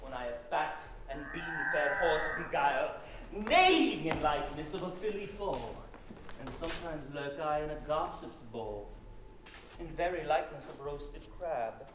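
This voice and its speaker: A man's voice: a little high, expressive, unhurried. A man playing a merry, boastful prankster sprite in hammy Shakespearean stage acting, acting out his tales. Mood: gleeful boasting. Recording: echoey live stage, faint noise.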